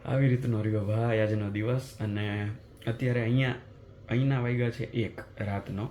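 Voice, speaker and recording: A man, telling a story as a vlogger in a chatty, animated way, recorded in his apartment at night. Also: lowish voice, moderate pace, slight background noise. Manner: animated retelling of a mishap, chatty and conversational. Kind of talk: casual vlog storytelling.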